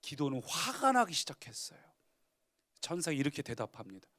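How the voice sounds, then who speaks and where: A man's voice: on the high side, sing-song, brisk, pushed and bright. A male pastor preaching a Sunday sermon, dramatically retelling scripture and rising to emphatic declarations.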